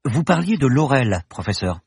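A man reading an audiobook and voicing an eager, excitable young woman student who loves solving riddles. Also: mid-range voice, moderate pace, creaky, breathy edge, no room sound, studio quality, voice pushed up, heavily acted. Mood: curious. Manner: excited, insistent, rising. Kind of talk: audiobook character voice.

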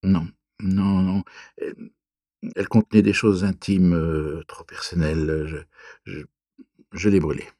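A trembling young woman under a spell, stammering as she begs for help, as a man reads her part. The voice is husky and dark, and sits close and dry to the mic. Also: low voice, level tone, measured pace, pauses often, dry recording. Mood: flustered. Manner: stammering, pleading.

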